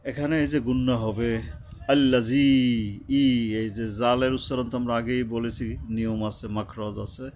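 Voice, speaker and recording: A man teaching Quran recitation, explaining pronunciation slowly and chanting short verses to show each sound. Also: mid-range voice, fairly even intonation, darkish tone. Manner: slow, careful, demonstrating sounds, chanting verses. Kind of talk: tajweed lesson, explaining and reciting.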